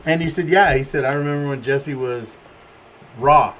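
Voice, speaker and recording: A man's voice: mid-range voice, moderate pace, very noisy. A man, the team owner hosting the show, chatting casually and acting out quoted exchanges as he tells stories. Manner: animated storyteller, acts out quoted exchanges. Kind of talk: casual podcast chat.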